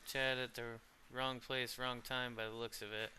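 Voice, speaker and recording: A tired man giving play-by-play commentary on a sim race, steady in his calls and rising when the racing gets close. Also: medium pitch, normal speed, soft background music. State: tired, yawning.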